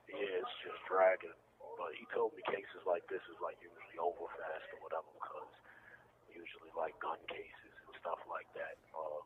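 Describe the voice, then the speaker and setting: Laid-back, slangy man calling in on a crackly prison phone line, pitched low. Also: flat delivery, moderate pace. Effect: prison phone call. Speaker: incarcerated caller. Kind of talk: casual phone chat. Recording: tinny, noisy phone line.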